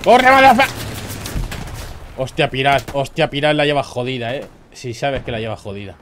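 A young man with a Murcian Spanish accent commentating gameplay clips, excitable, swearing and bursting into loud high yells. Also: fairly quick, noisy background. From Murcia, Spain. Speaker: streamer reviewing viewer gameplay clips. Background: faint game gunfire.

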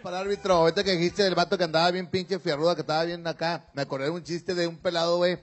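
A man's voice: high voice, little pitch movement, very fast. A man hosting a radio comedy show, telling crude jokes in slangy talk full of güey and compadre.

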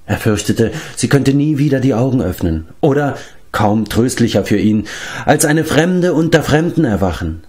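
A man narrating an audiobook in a measured, low storytelling tone. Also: animated, a little mellow. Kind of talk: audiobook reading.

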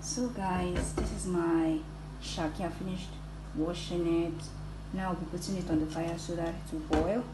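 A woman's voice: fairly low pitch, fairly even intonation, normal speed. A woman, explaining each step as she cooks in her home kitchen, recorded on a phone. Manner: plain step-by-step, addresses viewers as "guys". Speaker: cooking vlogger. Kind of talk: casual cooking walkthrough. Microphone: phone camera. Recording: echoey kitchen with loud background noise.

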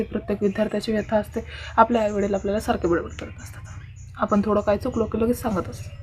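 A woman's voice: on the high side, slight background noise. A teenage girl hosting a casual advice vlog, earnest and lecturing, speaking straight to her viewers. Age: teens. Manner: earnest, lecturing, keeps addressing viewers directly. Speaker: vlogger host.

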